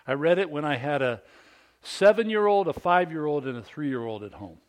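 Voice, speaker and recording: This pastor, a man in his fifties, delivers a lively, expansive sermon aimed at fathers, prompting the congregation to answer with amens. His pitch is fairly high and his speed normal.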